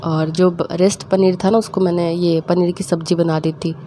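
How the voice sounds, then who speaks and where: A woman's voice: on the low side, flat delivery, dark tone, slight background noise. Chatty young woman with a lilt. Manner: chatty, laughs while telling family stories; acts out her mother's scolding in quick quoted bits. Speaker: cooking vlogger. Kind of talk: casual storytelling while cooking.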